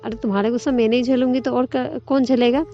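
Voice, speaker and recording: A teasing, clingy young woman in love, played by a woman storyteller, who coaxes and pleads with a fairly high, mellow voice. The sound is slightly dull and lo-fi, with soft music underneath. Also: steady tone, quick pace, natural voice. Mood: coaxing. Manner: pleading and playful, wheedling. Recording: lo-fi with faint background music.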